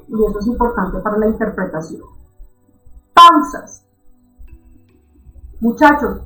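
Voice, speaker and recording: A woman teaching an online reading lesson in a lively, encouraging way, often checking in with her students. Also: a little high, echoey room, low-quality recording. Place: recorded for an online class.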